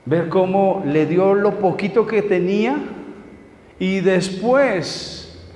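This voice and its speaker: A man's voice: high voice, slow, darkish tone. A middle-aged man preaching a sermon, telling stories emphatically and asking the congregation questions. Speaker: pastor. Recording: echoey hall with long reverb, faint noise.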